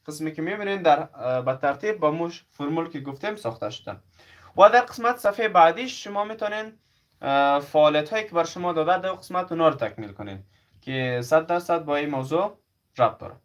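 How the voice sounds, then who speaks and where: A male English teacher, explaining grammar and reading example sentences slowly, each one twice. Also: a little high, animated, fairly bright tone. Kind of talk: bilingual classroom lesson.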